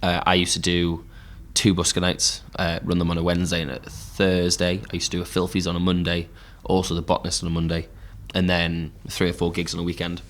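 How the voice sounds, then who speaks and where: Deep-voiced Geordie man chatting. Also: fairly quick, few pauses, a little hiss or hum. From Newcastle, England. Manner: relaxed storytelling with frequent fillers. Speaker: podcast host and musician. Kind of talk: casual pub chat. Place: pub.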